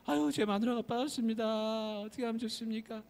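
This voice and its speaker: A greedy husband from a folk tale, voiced by a man, wailing and whining loudly with fake tears. He is pitched well above the storyteller's own voice and pushed loud and high. He is acted out in a preacher's story. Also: steady tone, a little fast, gravelly.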